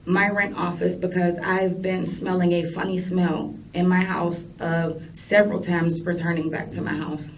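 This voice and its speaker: An American woman, a mother being questioned by police as a suspect, answers defensively and firmly denies everything. Her fairly low voice is level at a moderate pace with hardly any pauses, and the interview room recording sounds distant, muffled, and noisy.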